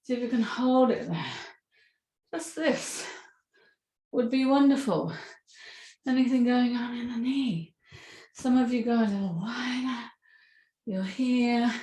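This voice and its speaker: A woman yoga instructor guiding a movement class with gentle, encouraging cues. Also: on the high side, takes it slowly, long pauses. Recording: echoey room.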